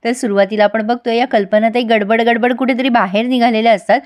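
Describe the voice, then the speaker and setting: A woman reviewing a TV serial, lively and speaking straight to her audience. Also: a little high, fast. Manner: lively, addresses the audience directly. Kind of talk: retelling a serial episode.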